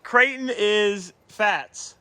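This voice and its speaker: A man hosting a joking tabletop game show, giving teasing, excitable commentary. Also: high voice, drawn-out words. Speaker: host.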